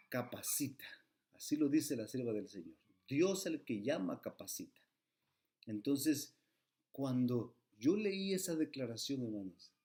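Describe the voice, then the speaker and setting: A man's voice: mid-range voice, mellow. Earnest preaching man. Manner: earnest preacher, rising emphatic phrases, tag questions. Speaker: church elder trainer. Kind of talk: sermon-style training talk.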